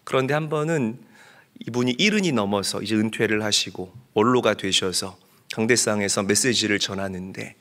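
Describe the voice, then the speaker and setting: A man preaching a sermon as a pastor, swinging between loud impassioned cries and hushed storytelling. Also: medium pitch.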